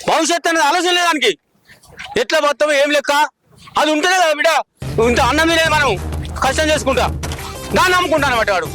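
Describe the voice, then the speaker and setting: A man plays a stubborn old Telangana farmer who pleads and scolds to keep his family land. His voice sits very high, and the words rush out at a breakneck pace with faint music underneath. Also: fast, long pauses, bright, forceful tone, low-quality recording. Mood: pleading. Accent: Telangana Telugu. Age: older. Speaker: farmer father. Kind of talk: village short film acting.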